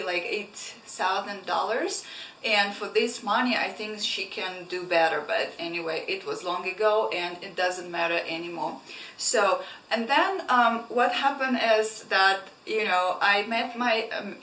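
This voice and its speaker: A woman's voice: medium pitch, pushed and bright. A young woman from Ukraine, chatting casually in a vlog with many fillers and restarts. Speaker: travel vlogger. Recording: roomy, slightly distant mic, faint room noise.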